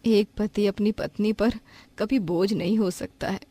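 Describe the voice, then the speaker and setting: A woman voicing a gentle, patient mother who sells vegetables, in a cartoon story, speaking in a soft, reassuring way. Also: medium pitch, fairly even intonation, unhurried, no echo, natural voice. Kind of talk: cartoon voice acting.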